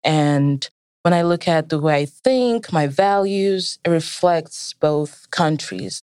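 A woman's voice: sits low, takes it slowly, darkish tone, clean tone, dry recording. Young Nigerian-born woman, earnest and reflective. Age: young adult. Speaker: student guest. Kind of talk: interview.

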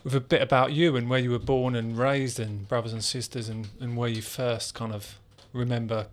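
A man's voice: mid-range voice, flat delivery, moderate pace. A man hosting a podcast, introducing the guest in a chatty, informal way. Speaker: podcast host. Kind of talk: casual podcast intro and interview.

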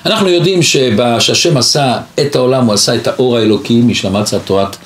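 A man, a rabbi, giving a weekly Torah lesson, telling stories and quoting sources in an animated way. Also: medium pitch. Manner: storytelling, animated, quotes sources. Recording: roomy echo.

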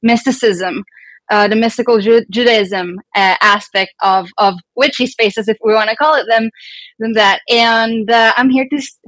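Female creator on a panel, slightly high voice, dry sound, informal halting delivery. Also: steady tone, a bit bright, no room sound. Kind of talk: casual self-introduction.

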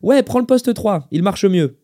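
A man's voice: a little high, big pitch swings, moderate pace. A man voicing a busy, brusque middle-aged café owner who talks back to a customer. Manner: brusque, loud, offhand.

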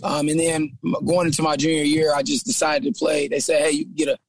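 A man from San Jose, a trainer and former football player, telling his story as a guest in a relaxed interview, with frequent "man" and repeated words. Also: a little high, fast talker, no echo. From San Jose, California. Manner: laid-back, says "man" often, repeats himself. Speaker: guest, trainer and gym owner. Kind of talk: casual interview chat.

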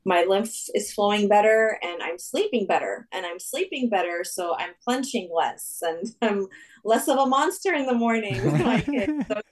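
A woman dentist from Saudi Arabia chatting as an interview guest, animated and full of restarts. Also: medium pitch, normal speed, far from the mic, low-quality recording. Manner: animated, rambling with many restarts. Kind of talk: casual interview talk.

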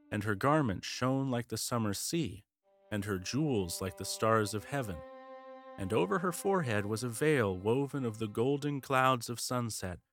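A man narrating a classic storybook in a measured, vivid manner. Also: medium pitch. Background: soft music.

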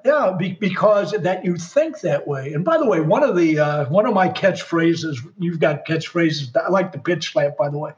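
High-voiced man telling a story. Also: moderate pace, few pauses, muffled recording. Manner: animated, acts out quoted dialogue. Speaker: guest. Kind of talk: casual storytelling in conversation.

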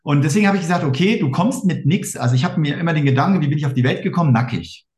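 A man with a German accent telling his story fast and emphatically in a casual interview, acting out quoted exchanges. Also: a little high, animated, a little mellow, reverberant. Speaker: interview guest.

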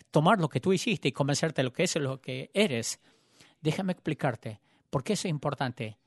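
Guy preaching a sermon, higher voice, dry close sound, goes loud then real quiet telling his story. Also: no room sound. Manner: dramatic storytelling, swings between loud and hushed.

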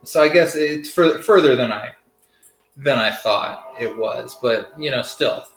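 A man's voice: medium pitch, a little slow, vocal fry, roomy sound, soft background music, low-quality recording. A man hosting a casual TV review, rambling, sarcastic and profane. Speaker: TV review host. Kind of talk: casual spoiler review chat.

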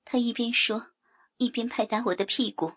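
Husky-voiced woman narrating softly. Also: fairly high pitch, normal speed. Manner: soft, breathy narration. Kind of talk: whispered erotic story reading.

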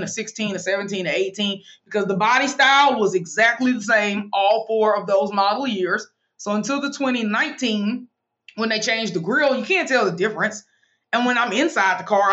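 A financial planner and money coach in her thirties gives brisk, frank, emphatic advice in a candid interview. Her voice is medium-pitched and fairly bright, though the audio sounds dull.

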